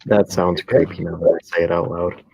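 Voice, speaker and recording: Deep husky man in his twenties. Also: completely flat delivery, normal speed, darkish tone, dry recording. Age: 20s. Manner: rambling, self-correcting. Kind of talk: casual chat. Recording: dry, dull lo-fi sound.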